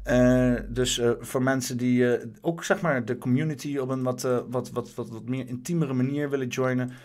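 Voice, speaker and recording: A man's voice: medium pitch, steady tone, a little mellow. A man hosting his own stream, giving casual, rambling commentary on the news, full of fillers and restarts. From Netherlands. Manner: halting, many fillers and restarts.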